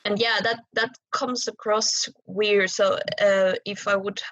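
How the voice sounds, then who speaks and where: A woman's voice: mid-range voice, flat delivery, takes it slowly, a bit bright, no echo, lo-fi sound. A woman from Chile, a native Spanish speaker, talking English with a Chilean accent in a casual podcast chat as a musician guest.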